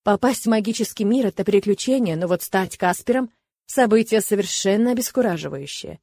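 A woman narrates a first-person fantasy story with lively, expressive delivery. Her voice sits mid-pitch. The recording is dry and close. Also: brisk, dry recording. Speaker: audiobook narrator.

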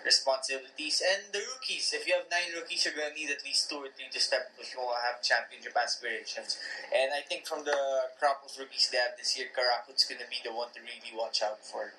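A man's voice: medium pitch, steady tone, a little fast, hardly any pauses, sharp tone, slight background noise, low-quality recording. A man, a podcast guest, breaking down a team's players with confidence. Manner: confident, analytical. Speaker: guest analyst. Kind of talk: casual podcast chat.

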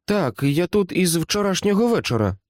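A man's voice: high-pitched, sing-song, normal speed, a little mellow, no room sound, clean studio sound, pitched above the performer's own voice. A man reading aloud, voicing an anxious young woman with raised, pleading lines.

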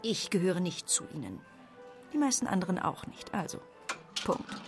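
A woman at odds with her own body, speaking in a fairly low voice. She talks in wry, rambling asides and keeps correcting herself. It is a literary radio play monologue. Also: big pitch swings, normal speed, over music.

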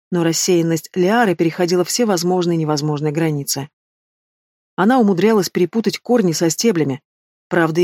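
A woman narrating a first-person storybook in a steady, measured reading. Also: lowish voice, no echo, studio quality. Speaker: audiobook narrator.

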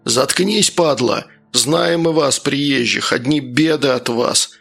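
A man voicing an angry, bullying village man who grumbles and shouts. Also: mid-range voice, slow pace, gravelly, husky, faint music behind, exaggerated voice. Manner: aggressive, grumbling, raised voice.

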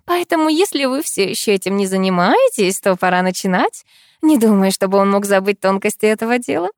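A woman's voice: medium pitch, expressive, a little fast, no echo, studio quality, close to an everyday voice. A woman voicing a cheeky, bawdy young woman. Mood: teasing. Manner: teasing, bawdy, insistent.

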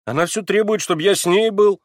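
A man reading a novel aloud and voicing an excitable young man who pleads and defends himself in a raised, plaintive voice. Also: high-pitched, a little fast, dry recording, clean studio sound, pitched above the performer's own voice, natural voice. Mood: pleading, agitated. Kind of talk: audiobook character reading.

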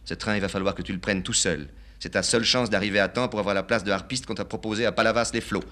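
Man reading a quiet young man: deep, steady, firm, in a play reading. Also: fast, natural voice. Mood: calm. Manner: calm, low-key, firm. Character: young male musician, quiet, resolute.

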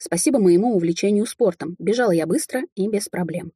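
A woman narrating a fantasy novel in the first person, with lively, emotional storytelling. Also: mid-range voice, fairly quick, slightly rough, no room sound, studio quality. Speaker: audiobook narrator.

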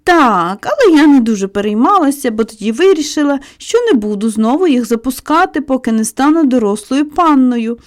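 A woman voicing a brisk, motherly woman who runs a boys' school, speaking in a teasing, gently instructive way. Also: high voice, lively intonation. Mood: playful.

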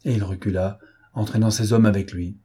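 A man reading a classic novel aloud as an audiobook narrator in a measured storytelling manner. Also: fairly low pitch, steady tone, warm tone, husky. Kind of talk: scripted literary narration.

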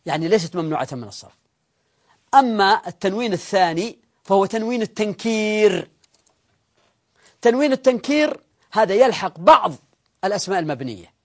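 A man teaching a live Arabic grammar class, explaining step by step and putting questions to his students. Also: a little high.

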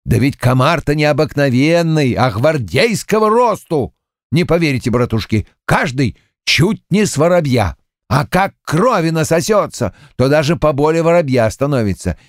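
A man's voice: fairly high pitch, big pitch swings, moderate pace, dry recording, clean studio sound, voice pushed up. Man doing a crafty folksy Cossack farmer. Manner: folksy, boastful, mock-aggrieved.

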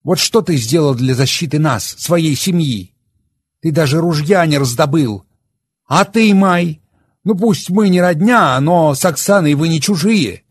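A man's voice: a little high, animated, measured pace, breathy edge, dry recording, voice pushed up. Man doing a scornful middle-aged mother. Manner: contemptuous, scolding.

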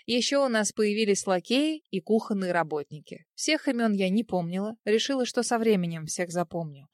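A woman reading a first-person storybook narration in a lively, emotional way. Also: mid-range voice, normal speed, dry recording, studio quality. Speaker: audiobook narrator.

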